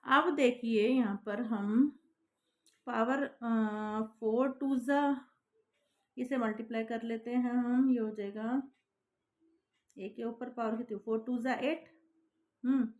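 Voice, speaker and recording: A woman's voice: a little high, fairly even intonation, unhurried, mellow. Patient woman teaching maths. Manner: patient, checks in with repeated "thik hai" and "hai na". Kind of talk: step-by-step classroom maths explanation.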